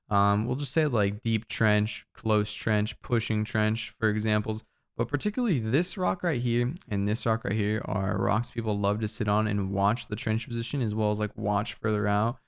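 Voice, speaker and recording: A man's voice: on the low side, normal speed, creaky, clean tone. A young man casually walking through game map callouts, loose and full of fillers, a little out of breath. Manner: relaxed, loose, filler-heavy explaining. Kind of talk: casual game guide narration.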